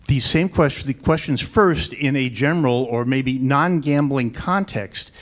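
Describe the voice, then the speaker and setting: Measured man asking a question. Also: mid-range voice. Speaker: audience member, researcher. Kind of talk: question from the floor.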